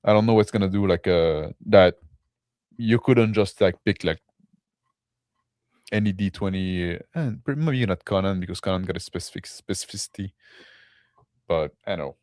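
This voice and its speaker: Low-voiced man rambling about tabletop games. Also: normal speed, long pauses, darkish tone, dry recording, studio quality. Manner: rambling, many fillers and restarts. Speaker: podcast co-host.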